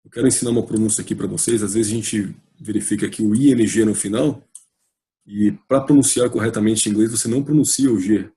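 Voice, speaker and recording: A man's voice: fairly low pitch, fairly even intonation, fast talker, warm tone. A man with a Brazilian Portuguese accent teaching an English grammar video lesson, patient and repetitive, spelling out letters as he explains.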